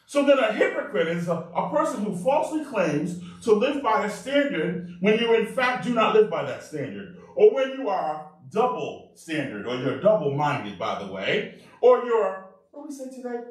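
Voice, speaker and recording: A male pastor preaching a sermon in an animated way, calling out to the congregation for responses. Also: sits high, normal speed. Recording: very echoey room, mic far off.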